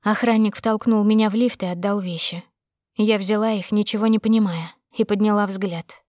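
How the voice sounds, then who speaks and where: A woman's voice: medium pitch, fairly even intonation, moderate pace, a little mellow, no room sound. A woman narrates a dramatic first-person audiobook with tense, emotional delivery. Her voice sits in a middle register. The sound is close and dry, with no room around it.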